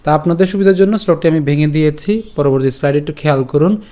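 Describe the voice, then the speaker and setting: A man teaching the pronunciation of scripture verses, explaining step by step and chanting the lines slowly, syllable by syllable. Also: fairly high pitch, dark tone. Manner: patient step-by-step explanation with questions. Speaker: Gita teacher. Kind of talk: recitation lesson.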